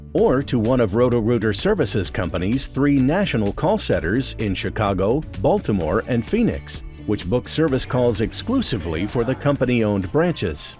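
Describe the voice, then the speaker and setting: A man's voice: on the low side, darkish tone. An American man reading scripted corporate narration for an employee training video.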